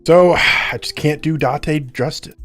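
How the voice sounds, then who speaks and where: A man's voice: a little high, slow, fairly bright tone, faint music behind. A man giving casual, chatty commentary on a game and reading its lines aloud. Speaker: let's play host.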